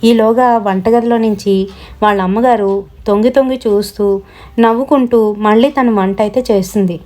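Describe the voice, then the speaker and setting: Female storyteller, fairly high voice, conversational first-person horror narration. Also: normal speed, mellow. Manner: conversational, recounting events with quoted dialogue.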